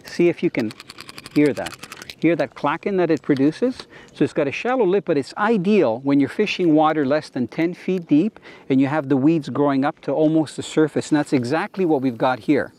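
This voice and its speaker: A man's voice: a little high, normal speed, darkish tone. A middle-aged Canadian man giving casual, enthusiastic fishing commentary as show host, explaining things as he goes, speaking outdoors from a kayak.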